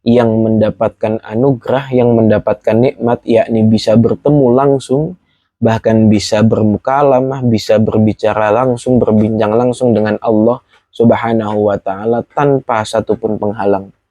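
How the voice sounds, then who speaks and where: Low flat-voiced Indonesian preacher. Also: male voice, moderate pace, no room sound, highs cut off. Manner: rhythmic repetition, declamatory. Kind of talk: sermon.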